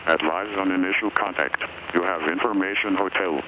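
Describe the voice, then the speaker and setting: A man reading a recorded airport weather and information broadcast in a flat, measured way, heard over an aircraft radio. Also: sits low. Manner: measured, even delivery of numbers and notices. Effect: automated airport information broadcast heard over an aircraft radio. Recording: muffled aircraft radio with loud background hum.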